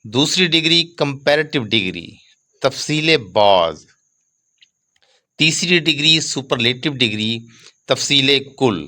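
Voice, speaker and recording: A man teaching English grammar in a lecture, speaking slowly and deliberately and spelling out letters and reading rules word by word. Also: medium pitch, expressive, pushed and bright.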